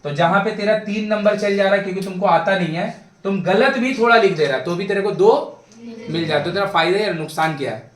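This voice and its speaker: A man's voice: high voice, a little fast, fairly bright tone, recorded from a distance. A man teaching a geometry class, chatty and joking, talking to his students in a familiar way. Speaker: math tutor. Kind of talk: classroom lecture. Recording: echoey classroom, voice off-mic.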